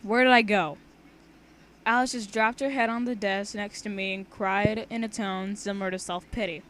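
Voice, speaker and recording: A young woman with a steady, mid-range, fairly bright voice reads her own fan fiction aloud at a moderate pace. She's casual and giggly, bantering informally and often stumbling over words. It's a noisy, homemade amateur recording.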